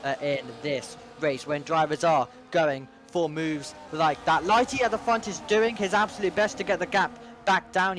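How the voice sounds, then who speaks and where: A man giving excited motorsport commentary on sim racing, moving dramatically between analysis and urgent play-by-play. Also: sits high.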